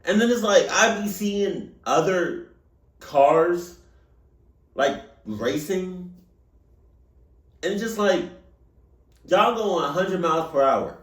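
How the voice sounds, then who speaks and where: American male reactor, casual slangy street talk, exasperated and repetitive, animated delivery, off-mic room sound. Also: high voice, slow, long pauses. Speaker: reaction video host. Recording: roomy echo, distant microphone.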